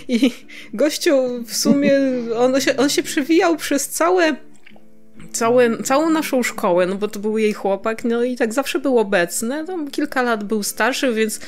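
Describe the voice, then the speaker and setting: A woman co-hosting a podcast chats casually and reminisces in a slightly high voice. She's giggly and a bit hesitant, often letting her sentences trail off.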